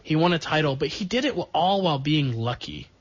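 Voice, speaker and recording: A man's voice: a little high, animated, brisk, slightly rough, no echo. Chatty sports podcast host man. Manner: chatty, jokey, sarcastic asides. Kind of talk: casual sports chat. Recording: dull lo-fi sound.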